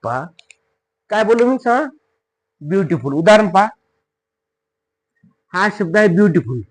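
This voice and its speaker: Very animated and high-voiced, this English teacher leads a classroom-style spelling lesson. He poses questions to the students, supplies the answers himself, and spells each word slowly, one letter at a time.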